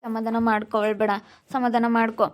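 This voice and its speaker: A woman voicing a young husband in an amateur family drama skit, repeatedly begging his grieving wife to calm down. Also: on the high side, brisk, natural voice. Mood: soothing. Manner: soothing, repeats pleas to calm down.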